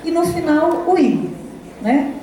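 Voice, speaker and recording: Her voice is extremely high, animated, slow and warm. A middle-aged Brazilian woman with a Brazilian Portuguese accent, she casually lectures teachers at a university lecture hall, using frequent tag questions and fillers, in a distant, echoey recording with faint noise.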